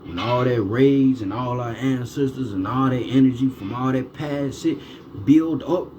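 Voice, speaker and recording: Man ranting over steady noise. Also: mid-range voice, unhurried, dull audio. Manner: heavy swearing, repeated rhetorical questions. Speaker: vlogger. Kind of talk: ranting monologue.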